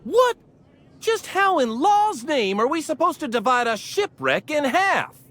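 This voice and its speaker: An actor playing a brash, hotheaded male salvage scavenger in a game, loud, whiny and boastful. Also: a little high, wildly swooping pitch, unhurried, heavily acted. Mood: outraged. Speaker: game character.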